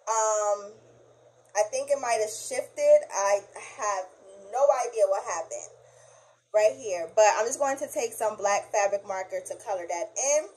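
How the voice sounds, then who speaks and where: A woman's voice: medium pitch, unhurried, darkish tone. A woman hosting a hands-on craft tutorial, chatting casually and folksily to viewers as she works. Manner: folksy, addresses viewers as y'all; talks while working with hands. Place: small indoor craft workroom. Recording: noisy room, uneven camera-mic sound.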